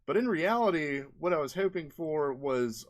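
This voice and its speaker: He's an indie developer walking viewers through his game experiments in a casual screen-share, musing aloud as he wanders from point to point. The pitch is fairly high, the delivery expressive, the pace moderate.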